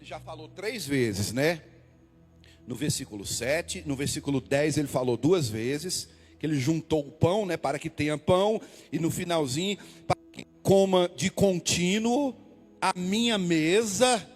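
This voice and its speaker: A man preaching a sermon as pastor, repeating key words and swinging from loud calls to hushed asides. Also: a little high, unhurried. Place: church hall. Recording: long hall reverb, faint music.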